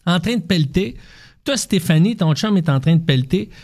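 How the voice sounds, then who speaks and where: A man with a Québécois accent talks through relationship advice in a relaxed conversation. His tone is mellow and dark, and he keeps acting out little scenes to make his point, restarting his sentences as he goes. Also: high voice, a little fast. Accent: Québécois French. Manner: explains with concrete examples and acted-out quotes. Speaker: guest relationship advisor. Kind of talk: casual explanatory chat.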